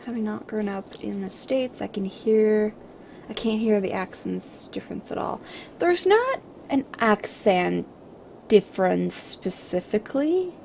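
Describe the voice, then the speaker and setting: A French Canadian streamer, a native French speaker, chats casually with her livestream viewers, rambling with many fillers and restarts. Her medium-pitched voice is lively, a little slow, darkish and fried, with a slight hiss or hum.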